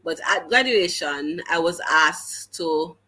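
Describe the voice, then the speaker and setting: Her voice is low, pushed, bright, and slightly rough. She's a Jamaican-accented teacher giving an earnest interview about her story, full of restarts and moments of patois.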